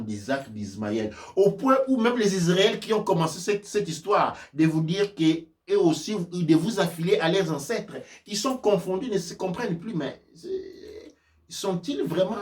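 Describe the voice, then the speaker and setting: Far from the mic in a reverberant space, a preacher and spiritual teacher from sub-Saharan Africa delivers a fervent lecture in sermon style, repeating himself emphatically and leaning on rhetorical questions. His voice is high-pitched with a darkish tone.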